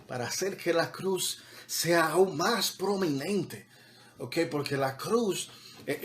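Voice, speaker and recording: A man's voice: medium pitch, slight background noise. A man preaching a sermon as pastor, talking conversationally with repeated words and building to emphatic peaks, mixing in English words.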